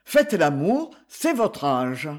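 A man reading aloud voices a haughty, gruff older father, speaking lower and curtly. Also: wildly swooping pitch, slow, full character voice. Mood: muddled. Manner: curt, louder, lower voice.

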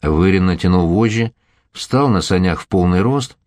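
A man narrating a novel as an audiobook in a measured storytelling manner. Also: low-pitched, darkish tone, no room sound, clean studio sound.

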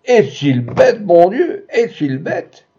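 Casting: a man playing a mocking male casino croupier, raised pitch, husky, loud sing-song calls, dull lo-fi sound. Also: big pitch swings, slow pace, full character voice.

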